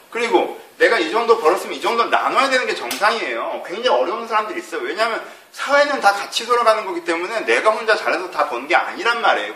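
A man's voice: high voice, bright, forceful tone. A man giving a casual Bible teaching talk who keeps asking rhetorical questions and then answering them himself. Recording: roomy and distant, faint noise.

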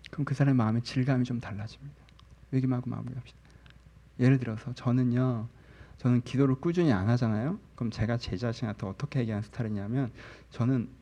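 A man in his thirties, a pastor, preaching a candid, conversational sermon. He shares personal stories, drops into soft murmurs and rises again to animated emphasis. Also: mid-range voice, creaky, slightly rough.

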